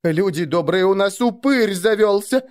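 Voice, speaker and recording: A man's voice: high voice, animated, normal speed, pitched above the performer's own voice. A man voicing a frightened peasant mother who pleads and wails. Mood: wailing. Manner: wailing, pleading. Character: frightened, weeping middle-aged peasant mother.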